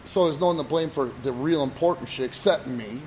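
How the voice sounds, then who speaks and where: A man's voice: on the high side, a little fast, darkish tone, a little hiss or hum, poor audio. A middle-aged man co-hosting a casual chat, telling stories in a profane, rambling way. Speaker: podcast co-host, wrestling promoter.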